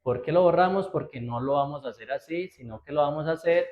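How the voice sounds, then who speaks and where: A man's voice: a little high, fast talker, highs cut off. Guy teaching a computer class, patient, walks through each step, keeps asking if everyone gets it. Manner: patient, step by step, checks understanding with frequent "¿cierto?". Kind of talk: classroom spreadsheet lesson.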